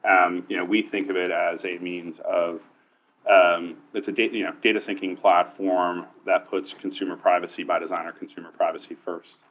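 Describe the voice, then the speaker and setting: A man's voice: sits low, flat delivery, normal speed, phone-quality sound. A man moderating a live conference panel, loose and joking, with frequent fillers and restarts. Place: conference stage.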